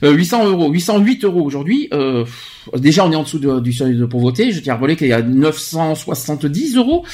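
A man's voice: on the high side, big pitch swings, brisk, a little mellow. A man hosting a podcast, talking emphatically in a casual chat and often restarting his words. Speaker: podcast host.

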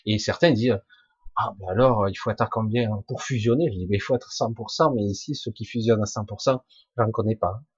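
A man with a husky, rough voice giving an informal spiritual talk to online listeners, halting yet emphatic, in colloquial, earthy wording. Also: lowish voice, dry recording, dull audio. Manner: halting and emphatic, with colloquial swearing and sound-effect words. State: coughing now and then. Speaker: spiritual teacher answering listeners' questions live.

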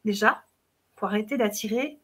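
A woman's voice: mid-range voice, moderate pace, background noise. A woman hosting a live talk, reading viewer messages aloud and giving short affirmations. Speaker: host reading viewer comments.

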